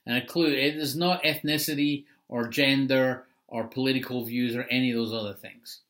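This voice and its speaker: A man's voice: mid-range voice, fairly even intonation, normal speed, a bit bright. A middle-aged man preaching a sermon in a conversational, explanatory way, with asides. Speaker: pastor.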